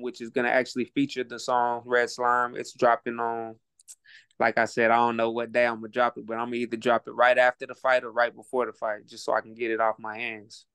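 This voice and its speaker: Guesting on a laid-back podcast, this rapper and boxer speaks with an Oklahoma accent in a relaxed, thoughtful manner, echoing words while he gathers his thoughts. His voice is medium-pitched, a bit bright and clean, with no room sound.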